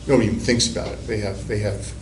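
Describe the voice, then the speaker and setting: A man's voice: lowish voice, steady tone, rapid-fire, a little mellow. Man lecturing in an echoey classroom. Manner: rambling, conversational, with restarts and repeated words. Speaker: university psychology professor. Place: university classroom. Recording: echoey classroom, recorded from a distance, faint room hiss.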